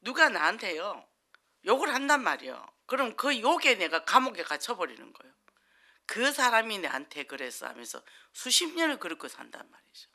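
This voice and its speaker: Lively, bright-voiced woman pastor preaching. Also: medium pitch, a little fast. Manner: chatty, acts out quotes, laughs often. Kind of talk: conversational sermon. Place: church.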